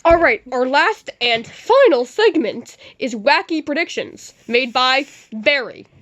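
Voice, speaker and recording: A woman playing a sarcastic male news anchor, reading her reports in a deadpan tone with dry asides. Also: sits high, a little slow. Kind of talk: amateur mock newscast.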